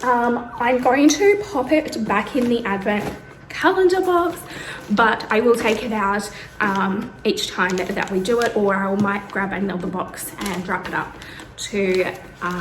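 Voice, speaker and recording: A woman's voice: a little high, roomy sound, slight background noise. An Australian woman talking casually to camera at home, a little out of breath, with frequent ums. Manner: chatty, with many ums. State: out of breath from pain. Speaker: vlogger. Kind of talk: casual vlog talk to camera. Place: bedroom at home.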